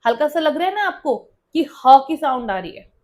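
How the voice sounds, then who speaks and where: A woman's voice: high-pitched, sing-song, normal speed, a little mellow. A woman teacher explaining a school lesson, often asking students a question and then answering it herself.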